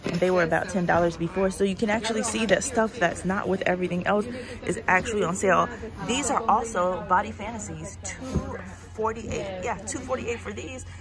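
A woman recorded on her handheld phone as she walks through a large indoor store, chatting casually to viewers. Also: medium pitch. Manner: chatty, walking while talking, addressing viewers directly. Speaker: shopping vlogger. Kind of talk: casual walk-and-talk store tour. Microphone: phone held in hand.

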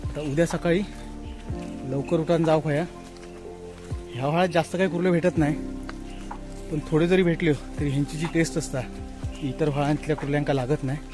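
A man's voice: a little high, steady tone, fairly quick, long pauses, over music. A man in his thirties with a Malvani Marathi accent, explaining things step by step in a casual outdoor vlog, filmed on a phone in a rainy forest. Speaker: village vlogger. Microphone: phone camera held close.

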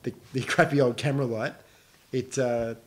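A man's voice: mid-range voice, fairly even intonation, normal speed. A middle-aged man chatting casually through an audio commentary and laughing often. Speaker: commentary host.

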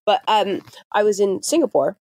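A woman's voice: medium pitch, animated, moderate pace, darkish tone, no echo. A middle-aged woman from the UK, a comedian chatting as a podcast guest, telling stories with dry asides. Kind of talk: casual podcast chat.

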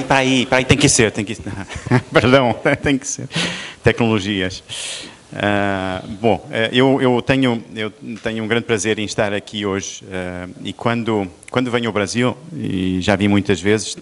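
A man with a European Portuguese accent leaning toward Brazilian delivers a university lecture. His voice sits somewhat low. He talks in halting bursts with restarts and frequent tag questions. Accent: European Portuguese, softened toward Brazilian. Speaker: visiting professor, lecturer. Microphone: microphone at a lecture.

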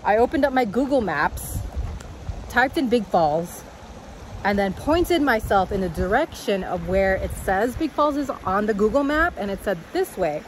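A woman vlogs outdoors on a rocky creek trail, chatting casually in an expressive, mid-range voice. She holds the camera at arm's length, and the recording is noisy with wind and rushing water.

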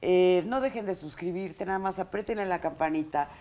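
A woman's voice: lowish voice, moderate pace, warm tone. A middle-aged woman hosting an interview show in a small studio, welcoming viewers and guiding the conversation with questions. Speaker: talk show host. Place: small indoor studio set, seated in armchair.

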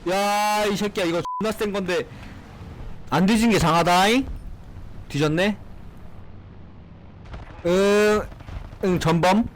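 A young man giving excitable, swearing commentary on his gameplay from a small room at home, tipsy from drinking. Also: high voice, takes it slowly, pauses often, slight background noise, rough recording. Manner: excitable, swearing, shouting at enemies. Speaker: gaming streamer.

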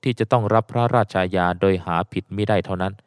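A man narrating an audiobook in a steady storytelling cadence, close to the mic. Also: on the low side, fast talker, dry recording.

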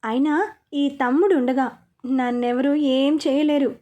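A woman voicing a sharp-tongued, suspicious young woman who is an elder sister in a story. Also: sits high, steady tone, a little slow.

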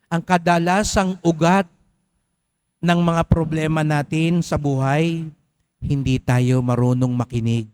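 Man, Filipino accent, high pitch, parish priest, sermon, call-and-response, loud peaks, soft low drops. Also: clean tone. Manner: engages congregation with questions and call-and-response; rises loud on key points, drops low and soft for emphasis. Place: large church.

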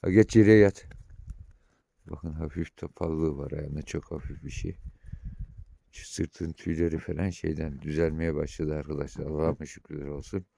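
A man who is a shepherd vlogger, talking casually to viewers at night outdoors on a phone camera, calling loudly to his dog between calm updates. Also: very deep voice, gravelly, breathy edge, no echo. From Turkey. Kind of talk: casual vlog talk to viewers.

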